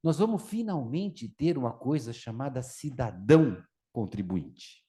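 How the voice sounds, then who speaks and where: Animated Brazilian man giving a talk. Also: medium pitch, a little slow. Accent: Brazilian Portuguese. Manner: animated, acts out voices in anecdotes. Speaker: speaker on tax reform. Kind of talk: lively public talk with acted anecdotes.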